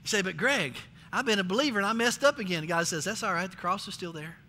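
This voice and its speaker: Speaking quickly in a high, bright, forceful voice, a middle-aged American man preaches as a pastor, exhorting emphatically and repeating phrases to hammer them home. He's amplified on a large indoor church stage, and the recording carries echoey hall reverb, faint music and slight background noise.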